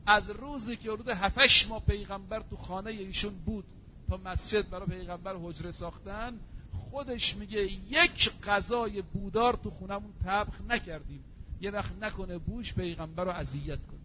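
A man giving a sermon, reciting Arabic verses slowly and then explaining them in everyday speech. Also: sits high. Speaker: preacher. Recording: dull lo-fi recording with faint hum.

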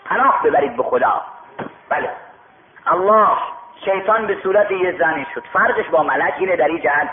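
A man's voice: a little high, animated. A man preaching a sermon, retelling a religious story and acting out its dialogue. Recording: echoey tinny radio broadcast.

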